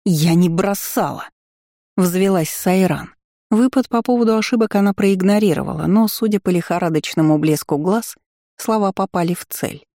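A woman reading a first-person fantasy novel aloud in a wry, lively storytelling manner. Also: medium pitch, normal speed, no room sound, clean studio sound. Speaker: audiobook narrator.

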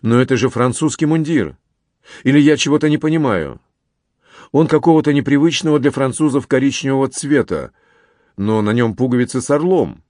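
A man voicing a kindly, excitable older male lawyer who mutters and exclaims, in an audiobook reading. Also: fairly low pitch, moderate pace, dry recording, studio quality, natural voice. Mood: alarmed.

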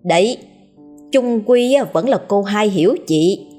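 A woman voicing a cold, scheming eldest wife who speaks slowly and with menace. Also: medium pitch, mellow, faint music behind, natural voice. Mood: smug.

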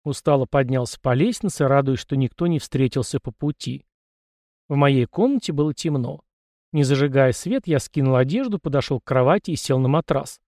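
A man reading a first-person story aloud in an expressive, animated way. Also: mid-range voice, fairly quick, no echo, studio quality. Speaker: audiobook narrator. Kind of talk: first-person audiobook narration.

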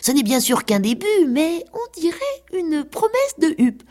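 A woman's voice: high-pitched, sing-song, measured pace, darkish tone, voice pushed up. A woman doing a tactful, soothing male cat. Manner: hesitant, soothing.

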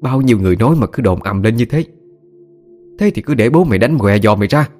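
A man's voice: medium pitch, animated, quick pace, a little mellow, soft background music, pitched above the performer's own voice, lightly acted. A man voicing a worried middle-aged mother who begs her husband and questions her son. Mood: pleading. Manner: begging, soothing.

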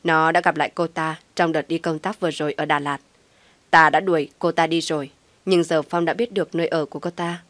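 A woman's voice: low-pitched, fairly even intonation, brisk, dry recording, lightly acted. A woman voicing a stern, controlling older mother who speaks firmly and insistently.

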